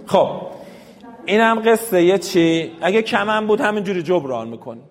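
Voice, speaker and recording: A man's voice: high voice, sing-song. A man giving an interactive health lecture to a class of parents, quizzing them and leading them in reading aloud together. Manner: quizzes the audience and leads call-and-response. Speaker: health educator. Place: lecture hall with an audience. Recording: long reverb of a lecture hall.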